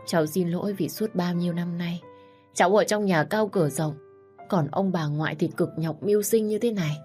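A woman's voice: on the low side, moderate pace, a little mellow, soft background music, lightly acted. A woman voicing a young man who politely and remorsefully apologizes to his grandparents in a storybook reading. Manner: polite, deferential.

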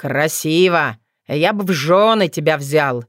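An arrogant, cruel sorcerer from a storybook, voiced by a woman narrator. He taunts his foes in a slow, sneering manner. The voice sits fairly low and the sound is dry and close. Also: no room sound. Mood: mocking.

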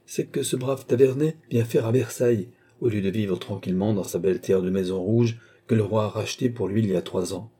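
A man's voice: lowish voice, brisk, hardly any pauses, dark tone, breathy edge. A man voicing a vain, sly and jovial very old marshal in a storybook reading. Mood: gleeful.

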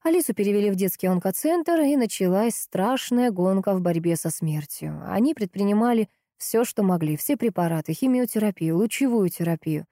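Woman reading an audiobook, steady and measured, warm darkish voice, dry close sound. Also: mid-range voice, no room sound. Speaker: audiobook narrator. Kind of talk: scripted narration.

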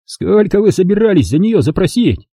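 A man's voice: sits high, big pitch swings, normal speed, warm tone, breathy edge, no echo, studio quality, voice pushed up, full character voice. A man voicing a blunt, businesslike male kidnapper who speaks in a matter-of-fact way.

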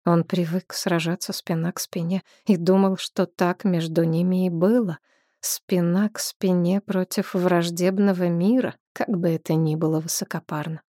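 A woman reading a novel aloud as narrator, measured and expressive. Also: fairly low pitch, no room sound, studio quality. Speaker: audiobook narrator. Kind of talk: scripted narration.

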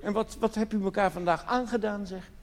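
This is a Dutch cabaret comedian doing live stand-up in a large theatre hall, delivering stories theatrically and mock-solemnly while firing off rhetorical questions. His high voice moves a little fast with fairly even intonation. The hall recording carries reverb and noise.

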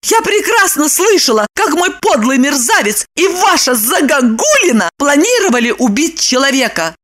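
A woman voicing an excitable, indignant young woman in an audiobook, with a squeaky, shrill, insistent delivery. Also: moderate pace. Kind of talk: audiobook character reading.

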